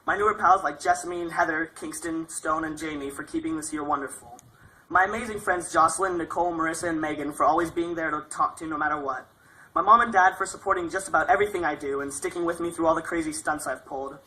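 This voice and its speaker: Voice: mid-range voice, fast talker, pushed and bright, low-quality recording. A young adult speaker delivering a prepared graduation speech as a graduating student.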